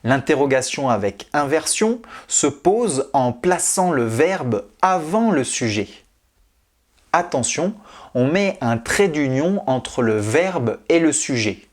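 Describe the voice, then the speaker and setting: Slow, lively French grammar teacher. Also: medium pitch. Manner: deliberate, reads out example questions and answers. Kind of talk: scripted grammar lesson narration.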